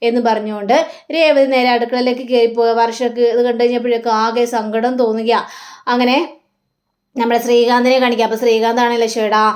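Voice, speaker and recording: A woman's voice: a little high, level tone, fast talker, a little mellow. A woman casually retelling a TV serial episode as a reviewer. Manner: casual storytelling.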